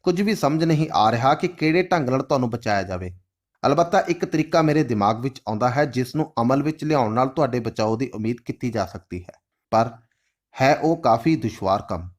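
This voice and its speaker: A man doing a stern formal official, measured, lawful, storybook reading. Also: medium pitch, expressive, lightly acted. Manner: formal, measured, Urdu-flavored phrasing.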